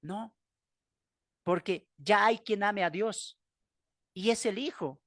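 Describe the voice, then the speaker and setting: A man's voice: high voice, slow, fairly bright tone, no echo, clean studio sound. A man with a Bolivian accent teaching a Bible class, emphatic and full of rhetorical questions. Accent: Bolivian Spanish.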